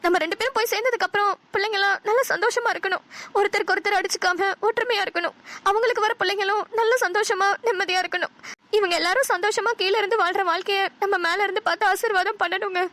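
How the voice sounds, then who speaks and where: Lady voicing a naggy old cartoon wife, super high bright voice, talks fast. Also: steady tone. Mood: tearful. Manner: scolding, emotional. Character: elderly wife and mother-in-law, warm but nagging. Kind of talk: cartoon dialogue.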